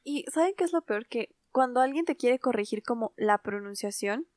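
Young woman, high-ish voice, casual podcast co-host, dry close mic. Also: expressive, normal speed, darkish tone, no room sound. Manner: chatty, mixes English phrases into Spanish. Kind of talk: casual chat.

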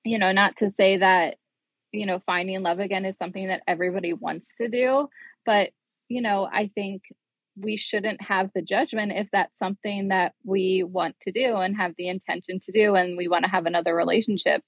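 A woman in her thirties co-hosting a podcast, with a husky, breathy voice. She talks earnestly and chattily, leaning on "like." The sound is dull and lo-fi. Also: medium pitch, steady tone, normal speed, no echo. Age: 30s. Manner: chatty, earnest, heavy use of "like". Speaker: podcast co-host. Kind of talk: casual interview chat.

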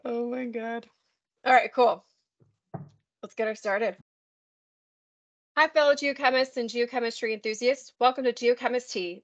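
A woman's voice: fairly high pitch, a bit bright. A woman hosting a podcast, chatty and upbeat, reading a scripted intro and asking questions. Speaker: podcast host.

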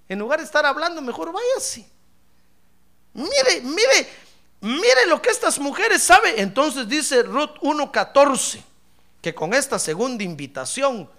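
A man's voice: very high voice, pushed and bright. A man preaching a sermon in church, emphatic and ironic, often calling his listener brother. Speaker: pastor.

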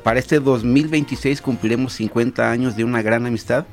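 A man visiting a radio show as a guest author. He speaks cordially in a middle-pitched voice. Faint music sits behind him. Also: steady tone, fairly quick. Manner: cordial, warm greetings. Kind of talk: radio interview.

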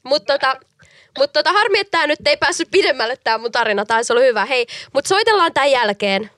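Podcast co-host, woman, high bright voice, giggly, dry studio mic. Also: dry recording. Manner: giggly, fast, excitable. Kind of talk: casual chat.

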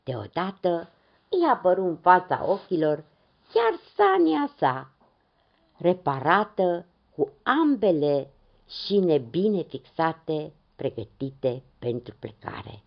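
Woman narrator, low voice, lively melodic reading, dull lo-fi sound. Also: vocal fry. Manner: expressive, lilting. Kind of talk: storybook narration. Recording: dull lo-fi recording.

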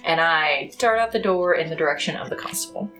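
A woman player speaking for her character in an earnest, hurried way. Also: deep voice, a bit bright, far from the mic, faint music behind, poor audio. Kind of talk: casual tabletop game chat.

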